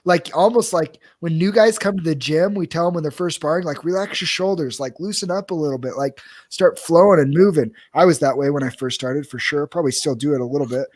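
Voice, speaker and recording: This young podcast co-host speaks at a fairly high pitch with a darkish tone. His casual fight recap is full of strong opinions, jokes, and rapid side comments about the results.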